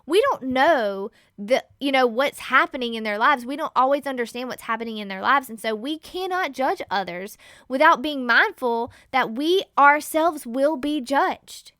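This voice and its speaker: A woman giving a casual Bible teaching as a podcast host, animated and laughing often as she acts out everyday scenes. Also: sits high, moderate pace, no echo, clean studio sound.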